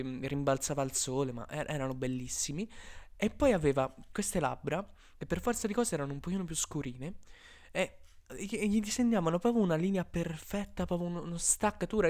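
Animated young man with a higher voice. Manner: animated, joking, exaggerated storytelling. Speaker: vlogger. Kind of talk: casual vlog monologue.

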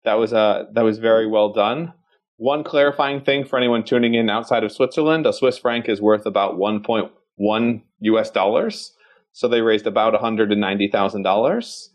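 A man's voice: lowish voice, normal speed. A man speaking as an investor on a panel, asking questions conversationally and thinking aloud.

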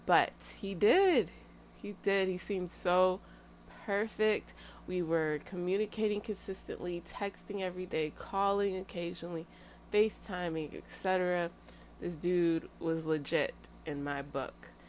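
A woman's voice: fairly low pitch, unhurried, slight background noise. A young adult woman talking candidly to her viewers, chatty and emphatic, with laughing asides. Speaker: vlogger sharing dating lessons. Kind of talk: casual personal talk to camera.

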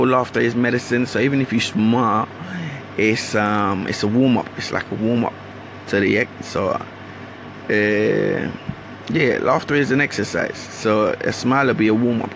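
A mid-range, fairly bright male voice with a little hiss or hum belongs to a podcast host from Guyana. His London accent still holds Caribbean traces, and he talks alone in a loose, rambling way, slipping into slang and restarting often.

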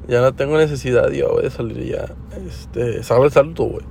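A man's voice: medium pitch, steady tone, normal speed, creaky, a little mellow. A young man with a Mexican accent talking casually for his podcast, rambling with lots of slang and fillers. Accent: Mexican Spanish. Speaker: podcast host. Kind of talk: casual everyday monologue. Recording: faint background noise.

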